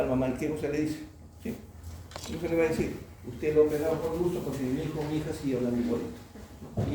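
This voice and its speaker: A man's voice: mid-range voice, darkish tone. A man giving a classroom lecture and often quizzing the class with a questioning "¿no?". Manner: asks the class questions, tag "¿no?". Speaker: oral surgery lecturer. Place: lecture room. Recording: very echoey lecture hall from far off, faint noise.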